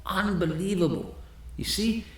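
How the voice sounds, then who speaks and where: A male rabbi telling stories in a sermon, animated, often repeating words and using Hebrew terms. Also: high voice, unhurried. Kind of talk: storytelling sermon. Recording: very echoey room.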